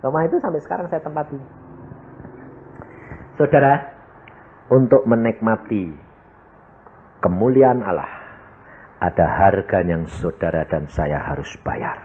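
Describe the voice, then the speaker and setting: A man preaching a sermon in with a lilt, telling a story and acting out the other voices with big jumps in pitch. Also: lively intonation, measured pace, long pauses, breathy edge. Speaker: pastor. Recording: phone-like narrow sound.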